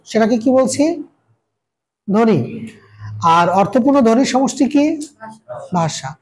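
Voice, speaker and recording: A man's voice: extremely high pitch, darkish tone, a little hiss or hum, rough recording. A male teacher giving a classroom grammar lecture, asking questions and answering them himself in a repetitive call-and-response.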